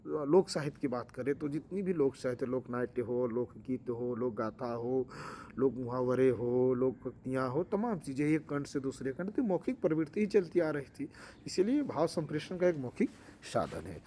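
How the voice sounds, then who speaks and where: A man's voice: medium pitch, lively intonation, normal speed, dark tone, a little hiss or hum. A man teaching a language lecture for exam preparation, explaining with fillers and restarts.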